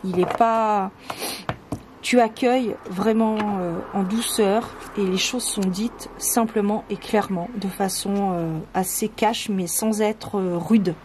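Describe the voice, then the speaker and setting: A woman chats casually about her card decks, stopping and restarting her sentences often. Her voice sits at an ordinary middle pitch. A clear layer of background noise runs under the whole recording. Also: slow. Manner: hesitant, many fillers and restarts; reads card texts in a soft, calm tone. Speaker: channel host presenting oracle cards. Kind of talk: casual chat.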